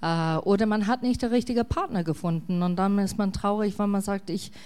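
Halting woman pastor, casual sermon. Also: medium pitch, darkish tone, smooth. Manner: casual, halting, with frequent fillers.

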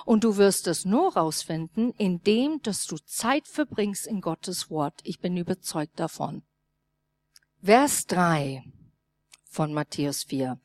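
A woman's voice: lowish voice, slow, no room sound. A woman pastor preaching a sermon and telling a personal story, speaking as a with small grammar slips, acting out the dialogue in her story. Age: 30s or older. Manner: lively storytelling, acts out dialogue, non-native grammar slips.

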